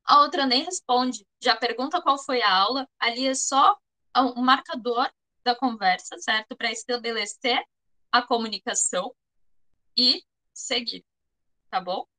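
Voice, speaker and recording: A woman's voice: on the high side, a little slow, bright, forceful tone, poor audio. A woman with a Brazilian Portuguese accent teaching an online class, explaining step by step and often checking that students follow.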